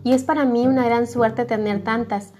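A woman voicing a kindly, humble young gardener who speaks gently and gratefully in a storybook reading. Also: a little high, fairly even intonation, moderate pace, faint music behind, lightly acted. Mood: gentle. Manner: gentle, grateful, soft-spoken.

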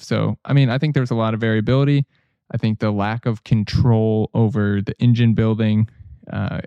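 A man's voice: on the low side, vocal fry, dry recording, dull audio. A man co-hosting a board game podcast, chatting casually and rambling a little with restarts. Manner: relaxed, rambling with restarts and fillers.

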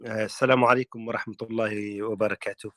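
A man with a Libyan accent, calling in to a talk show and asking questions in a measured, formal way. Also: on the low side, level tone, bright, forceful tone, no echo. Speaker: caller.

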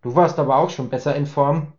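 A man voicing an easygoing, matter-of-fact neighbor who chats in a relaxed way, in a spoken story. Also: mid-range voice, a little fast, close to an everyday voice. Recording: roomy, slightly dull recording.

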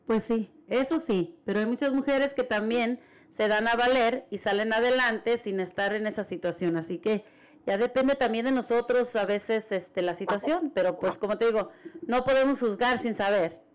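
A woman's voice: on the high side, moderate pace. A woman co-hosting a radio show, reflective and agreeable, with many fillers. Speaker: radio co-host. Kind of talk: casual radio chat.

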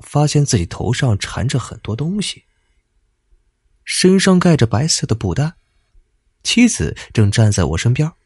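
A man narrating a ghost story in lively storytelling style with dramatic pauses. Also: medium pitch, breathy edge, no room sound, studio quality.

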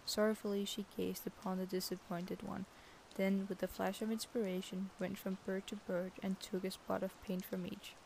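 A woman reads a fairy tale aloud in an easygoing, unpolished way, now and then tripping over a phrase. Her voice is gravelly and stays level, with little rise or fall. A faint hiss sits under the recording. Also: mid-range voice, level tone, a little mellow, low-quality recording. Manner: reads slowly, stumbling over words, laughing at the text. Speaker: storybook reader.

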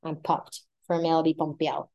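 A woman's voice: deep voice, little pitch movement, quick pace, vocal fry, warm tone. A woman with a Puerto Rican Spanish accent teaching Spanish in a casual podcast lesson, explaining phrases and stretching words out for emphasis.

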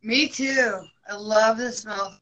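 A woman from South Dakota chatting casually, animated and quick to laugh. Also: on the high side, dull audio. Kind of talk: casual chat.

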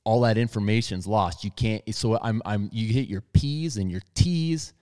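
A man's voice: fairly low pitch, moderate pace, mellow. A man in his thirties hosting a podcast, chatting casually in a laid-back, rambling way. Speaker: podcast host. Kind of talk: casual chat.

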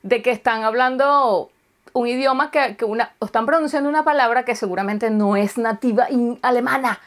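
A woman's voice: fairly high pitch, a little fast. Venezuelan woman chatting casually, storytelling, acts out what people said. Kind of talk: casual chat.

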